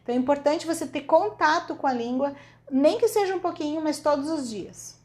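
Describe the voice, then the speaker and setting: Brazilian woman teacher, fairly high voice, chatty and informal, keeps checking in with the listener. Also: a little fast, darkish tone. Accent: Brazilian Portuguese. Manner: chatty, ends phrases with checking "right?" tags. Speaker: English teacher. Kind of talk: informal video lesson.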